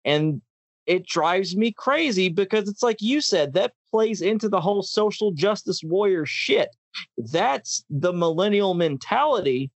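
Male podcast host, impassioned ranter, slightly high voice, dry recording. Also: animated, a little slow, no room sound. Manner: ranting, impassioned, repeats words and restarts. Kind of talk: casual podcast chat.

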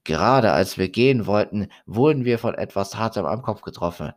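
A man reading a first-person horror story aloud in a slow, deliberate way. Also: fairly low pitch, lively intonation.

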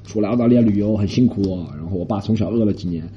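A man from Shanghai telling a story in a casual monologue, animated, indignant and rambling. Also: on the low side, very fast, slight background noise. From Shanghai, China. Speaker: podcast host. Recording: dull lo-fi recording.

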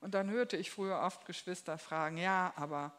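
Seated at a table in a church hall, a woman who is a lay preacher gives a relaxed, conversational sermon. Her lowish voice moves a little fast, and her lively, folksy, down-to-earth delivery slips into small acted voices whenever she quotes someone.

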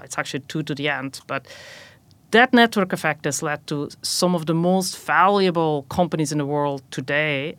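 A woman's voice: deep voice, a bit bright, no echo. A woman from Belgium, a technology executive, answering interview questions in long explanatory sentences with some fillers.

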